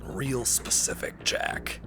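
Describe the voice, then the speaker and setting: A man's voice: slow pace, whispered, music in the background, lightly acted. A man playing a crude, cranky old soldier in a comedic game parody, blunt and sarcastic.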